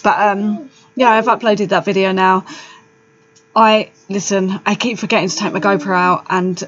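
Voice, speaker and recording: A woman's voice: medium pitch, fairly even intonation, normal speed. A blunt woman chatting casually on her podcast, swearing freely and laughing easily. Her voice sits in a middle range, and the sound is a little dull and lo-fi. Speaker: podcast co-host. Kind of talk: casual chat.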